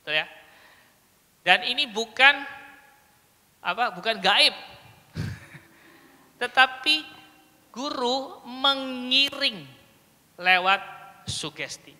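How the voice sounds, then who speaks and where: A trainer giving a lively workshop lecture to a room of teachers, with a bright, sharp voice. They keep slipping into little acted exchanges between a teacher and a crying child, then check that everyone follows. The voice rings out with a long reverb through a large indoor hall. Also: medium pitch, drawn-out words, pauses often. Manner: lively, acts out short child and teacher dialogues, often checks understanding.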